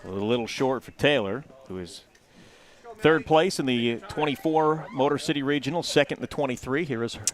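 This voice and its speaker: A man's voice: medium pitch, moderate pace. A man doing casual live play-by-play commentary on a sports event as a commentator.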